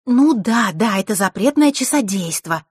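A woman's voice: medium pitch, lively intonation, normal speed, husky, dry recording, clean studio sound, voice pushed up. A woman voicing a proud, hot-tempered girl from a family of timekeepers, talking sharply and bossily. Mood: haughty. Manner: sharp, bossy, snorting retorts.

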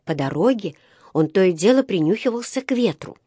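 A woman's voice: medium pitch, a little fast, breathy edge, dry recording, clean studio sound. Woman narrating a storybook. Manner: expressive, voices each character. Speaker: audiobook reader.

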